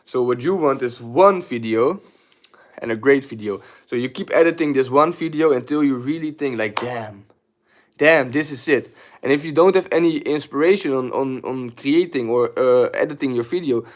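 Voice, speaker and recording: A young man casually chatting on his livestream, rambling and repeating himself as he gives advice, with casual swearing. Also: medium pitch. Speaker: livestream host. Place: at home, sitting.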